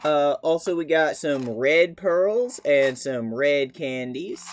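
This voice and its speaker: A man's voice: fairly high pitch, expressive, slow pace. A man chatting casually on a live stream, playful and rambling, with many fillers.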